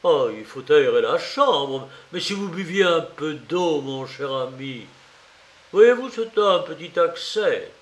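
A sly, fussy middle-aged magistrate, as a male audiobook reader puts him on, coaxing and fretting over his guest. He talks slowly in a somewhat raised voice. The sound carries a roomy echo. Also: on the high side, creaky, fairly bright tone, voice pushed up, full character voice. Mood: fretful. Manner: coaxing, fretful fussing.

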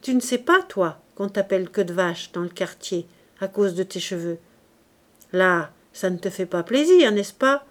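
A woman's voice: mid-range voice, normal speed, a little mellow, lightly acted. A woman reading the lines of a young working-class husband who answers his sister-in-law with irritation. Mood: irritated. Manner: retorts with irritation. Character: young working man, newly married, sulky and defensive.

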